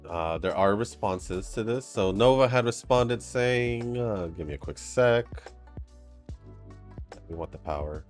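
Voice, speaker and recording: This gaming channel host has a lowish, expressive voice and speaks a little slowly, chatting casually over gameplay with a congested nose. He rambles and laughs between comments, soft game music audible faintly behind.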